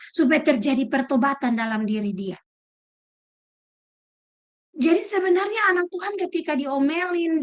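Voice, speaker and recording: A woman preaching a sermon in an emphatic, lively way, acting out quoted speech. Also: high voice. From Indonesia.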